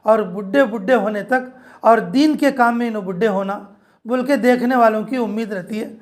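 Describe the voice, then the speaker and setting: A man's voice: sits high, moderate pace. A man. His informal sermon to a women's group is earnest and repetitive. He speaks directly to his listeners. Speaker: Islamic preacher.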